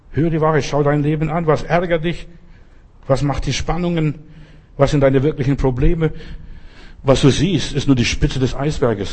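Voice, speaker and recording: A man's voice: mid-range voice, darkish tone, husky. A man preaching a sermon, addressing listeners directly with many pointed rhetorical questions.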